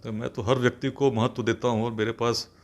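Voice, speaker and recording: A man's voice: mid-range voice, flat delivery, a little fast. A man from Bihar, a police officer, answering interview questions in an earnest, formal, speechlike way. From India, Bihar.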